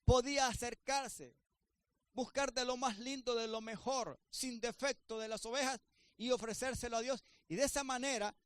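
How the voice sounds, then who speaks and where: High-voiced man preaching a sermon. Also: fairly even intonation, normal speed, smooth, no room sound. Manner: preaching with emphatic rises and soft asides. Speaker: pastor.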